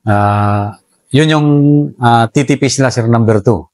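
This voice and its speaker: A soldier telling how the enemy operated, in a relaxed interview, respectfully calling his listener sir throughout. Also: medium pitch, unhurried, dry recording. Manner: respectful, says "sir" constantly. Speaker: soldier recounting enemy tactics. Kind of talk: casual interview storytelling.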